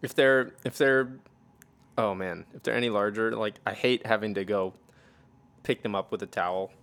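A man's voice: lowish voice, steady tone, normal speed, fairly bright tone. A man co-hosting a podcast in casual chat, rambling and laughing often, swearing freely. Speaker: podcast co-host.

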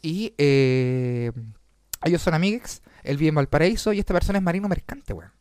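A Chilean comedian and podcast host telling stories in a casual, swearing, laugh-filled chat. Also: male voice, fairly high pitch, moderate pace, clean tone, dry recording, clean studio sound. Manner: swearing, animated, laughs often.

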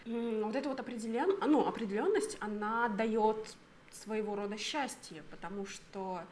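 A thirty-year-old woman co-hosting a podcast explains her thoughts at length in casual chat. Her pitch is fairly high and a little mellow, her pace moderate, with slight background noise.

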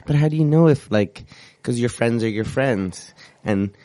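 Hoarse man hosting radio. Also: mid-range voice, moderate pace, warm tone, no room sound. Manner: rambling, searching for words. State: hoarse from a cold. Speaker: radio show host. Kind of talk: casual radio chat.

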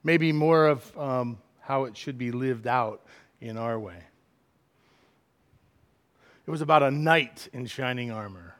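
A middle-aged man preaching a sermon as pastor, swinging from loud, emphatic lines to quiet asides. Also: mid-range voice, slow, long pauses.

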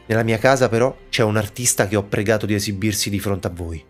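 A man's voice: fairly low pitch, fast, soft background music, close to an everyday voice. A man voicing a cunning elderly male court minister who speaks courteously and persuasively.

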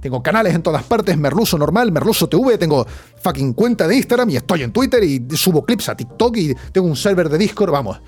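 A young man with a Spain Spanish accent, hosting a podcast in a chatty, slangy, animated way. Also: on the high side, brisk, husky. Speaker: podcast host. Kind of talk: casual news chat.

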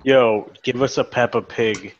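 A man's voice: medium pitch, fairly even intonation, measured pace, muffled recording, a little hiss or hum. A man teasing his friends over a video call, laughing often. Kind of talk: casual video-call chat.

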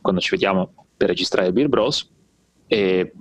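A man with a fairly low voice co-hosts a relaxed chat over a remote call. He jokes easily and keeps agreeing with his partner. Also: moderate pace, no room sound. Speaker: podcast co-host. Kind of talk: casual chat.

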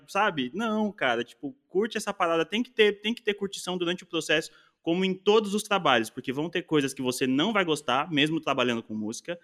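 A man's voice: on the high side, fairly bright tone. A man in casual conversation, talking reflectively and rambling with lots of slang fillers. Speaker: musician and podcast guest.

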